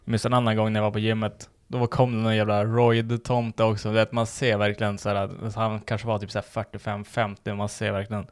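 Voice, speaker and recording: A man's voice: on the low side, completely flat delivery, few pauses, clean tone. A young man chatting casually on a podcast, telling a gym story with lots of swearing and acted-out quotes.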